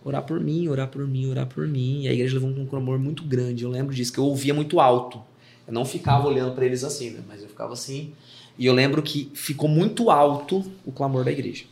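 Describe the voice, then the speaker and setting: A man with a Brazilian Portuguese accent, a worship pastor and podcast guest, telling a story in a casual, animated, slangy way and acting out the people in it. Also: medium pitch, fast talker, creaky. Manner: animated, acts out remembered dialogue in his story; slangy, informal. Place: podcast studio.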